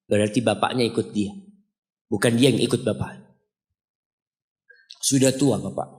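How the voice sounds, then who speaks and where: Preacher in a reverberant hall. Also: male voice, normal speed, a little mellow. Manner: storytelling, acting out quoted voices with high pitch jumps; addresses the congregation directly. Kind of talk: sermon.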